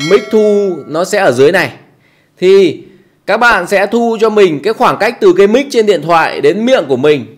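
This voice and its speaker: Chatty man explaining. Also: a little high. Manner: chatty, many fillers and repeats, tag words at ends. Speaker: tutorial host. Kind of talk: casual how-to tutorial. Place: small quiet closed room.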